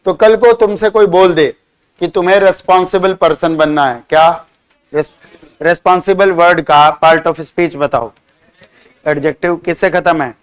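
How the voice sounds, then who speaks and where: Male vocab teacher, smooth resonant voice, quizzes and ribs a class. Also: sits high, unhurried. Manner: drills words by spelling them out and quizzing students; teasing, scolding banter with students. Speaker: English teacher.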